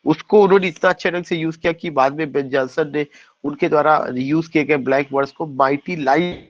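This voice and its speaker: A male teacher giving an exam-prep lecture, asking questions and answering them himself, reading English lines slowly. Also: fairly high pitch, no echo. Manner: explains in Hindi, reads English lines slowly. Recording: dull dry recording.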